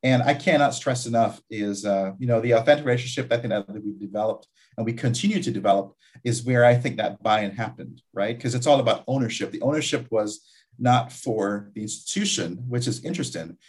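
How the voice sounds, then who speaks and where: In an interview, a Guyanese man who serves as a community college vice president speaks reflectively, often restarting his sentences. His voice is husky and medium-pitched, and his delivery is brisk.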